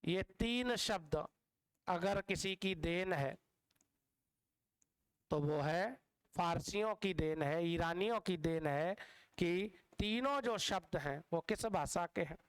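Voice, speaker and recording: A man's voice: high voice, clear, resonant tone, low-quality recording. A man teaching an exam-prep lesson, explaining patiently with repetition and drawing out key words as he speaks to his students as dear children. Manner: drawn-out stressed words. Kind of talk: exam-prep Hindi lecture.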